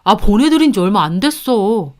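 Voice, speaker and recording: A woman's voice: medium pitch, very animated, darkish tone, lightly acted. A woman voicing an irritable husband who grows defensive and snaps back. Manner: sulky, quick to snap.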